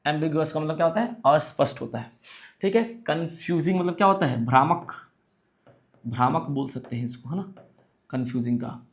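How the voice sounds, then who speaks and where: A man teaching English for exams in Hindi. He reads the English sentences slowly and asks questions that he answers himself. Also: on the high side. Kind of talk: exam-prep lesson.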